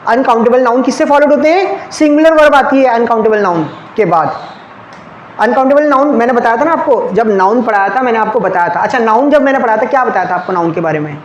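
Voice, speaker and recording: A male teacher runs an exam-prep grammar lesson, firing questions at the class and answering them himself. He keeps checking whether everyone has followed. His voice rings around a reverberant classroom over a faint steady hum. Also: extremely high pitch, fast, highs cut off. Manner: checks often with "clear?" and "okay". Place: classroom with ceiling fans. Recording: echoey room, faint background hum.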